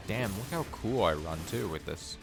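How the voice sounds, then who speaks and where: Faint game music runs beneath a video game stream where a man gives loose, chatty, casual commentary. His voice is very deep and gravelly, moving at a moderate pace; he reads the item text out loud and grows excited whenever new gear appears.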